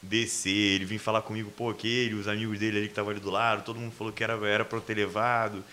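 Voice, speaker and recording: A man with a Brazilian accent hosting a casual interview, chiming in with slang and quick backchannels. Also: on the low side, flat delivery, pushed and bright, slight background noise. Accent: Brazilian Portuguese. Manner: fast slangy talk, many short backchannels. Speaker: interview host.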